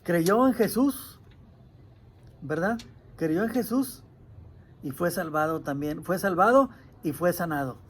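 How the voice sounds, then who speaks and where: A man's voice: sits high, expressive, slow pace, pauses often, a little hiss or hum. A male pastor preaching a sermon earnestly, retelling a story and crying out the pleas he quotes.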